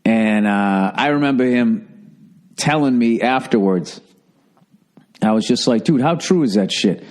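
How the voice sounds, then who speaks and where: A man in his forties hosting a podcast, telling stories in a loose, profane, animated way and putting on other people's voices as he goes. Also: medium pitch, a little slow. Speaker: comedian podcast host. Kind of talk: casual storytelling monologue.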